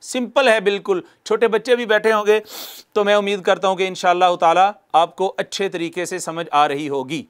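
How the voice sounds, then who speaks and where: A man giving a televised lesson on recitation, patiently repeating points, asking the viewer questions, and slowing down to demonstrate each sound. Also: high voice, steady tone, clean tone. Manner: slows down to demonstrate letter sounds. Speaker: Quran recitation teacher.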